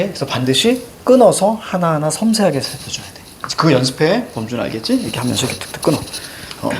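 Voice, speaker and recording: A man teaching a class, his fairly high voice swinging widely in pitch as he explains. He keeps checking in with quick questions. He speaks to the room as a lecturer would. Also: slight background noise. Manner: lively, questioning, tags checks like "그치?". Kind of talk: classroom lecture on Korean poetry. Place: classroom with a blackboard.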